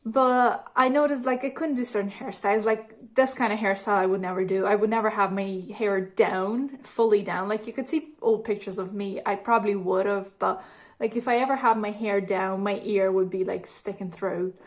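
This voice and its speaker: A woman's voice: medium pitch, fairly even intonation, moderate pace. A young woman from Lithuania talking candidly at home in a casual personal vlog, full of "you know" and "like". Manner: chatty and candid, many fillers like "you know" and "like". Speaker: vlogger. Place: home, a cat nearby.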